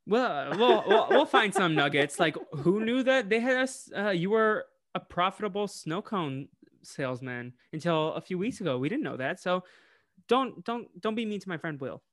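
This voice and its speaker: In a high-pitched voice at normal speed, an American man co-hosts a podcast, casually recapping an episode and animatedly acting out what the characters said. The studio sound is clean with no room sound.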